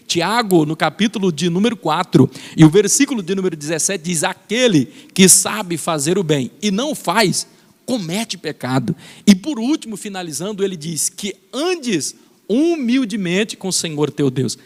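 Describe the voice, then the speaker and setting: A man teaching a Bible lesson in a fervent preaching style, slowing down on key phrases. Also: high-pitched, in a large hall.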